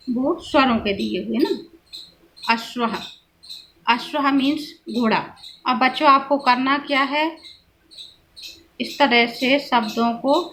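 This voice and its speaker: A woman teacher slowly explaining vocabulary to schoolchildren, patiently repeating each word before giving its meaning. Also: a little high, a bit bright, a little hiss or hum. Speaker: Sanskrit teacher.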